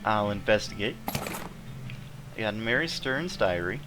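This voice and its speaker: A man's voice: lowish voice, lively intonation, measured pace, rough recording. A man giving casual gameplay commentary, reading game text aloud in an offhand way with playful asides. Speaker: video game streamer. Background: music with guitar.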